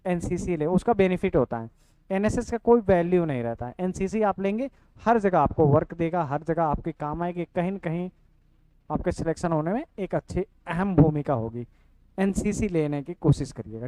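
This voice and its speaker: A man's voice: sits high, warm tone, clear, resonant tone, dry recording, low-quality recording. A young man, explaining a course lesson casually and checking in often with "theek hai". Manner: repeats "ठीक है" and addresses students directly. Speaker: online coaching teacher.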